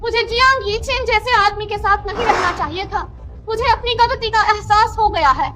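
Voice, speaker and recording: A woman's voice: very high-pitched, moderate pace. A woman voicing a remorseful young ex-wife who pleads tearfully in a dubbed drama. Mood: pleading.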